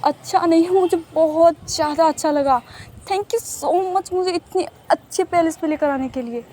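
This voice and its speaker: A woman's voice: sits high, normal speed, dark tone, a little hiss or hum. A woman voicing a sweet, shy young man who is easily flustered and tearful, gushing and mixing in English phrases. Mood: delighted.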